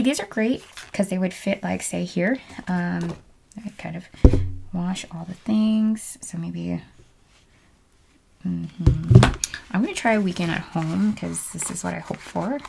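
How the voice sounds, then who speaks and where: In a fairly low voice with vocal fry, a planner video host takes her time narrating her crafting at home indoors, and the recording is very noisy. She muses to herself casually and frequently fades into murmurs.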